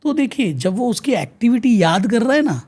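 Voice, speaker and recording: An Indian man being interviewed lays out ideas in a sincere, instructive manner, mixing Hindi and English at will. He talks at a moderate pace in a husky, mellow, sing-song voice whose pitch rises and falls a lot.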